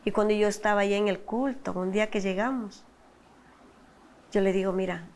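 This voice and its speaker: A woman's voice: mid-range voice, steady tone, normal speed, slight background noise. A middle-aged woman giving an emotional church testimony, acting out her past quarrels with a rising voice.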